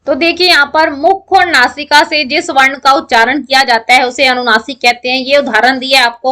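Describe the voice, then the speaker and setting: A woman's voice: high-pitched, pushed and bright. A woman giving an online grammar lecture to students, explaining step by step and answering her own questions. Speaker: Sanskrit grammar teacher.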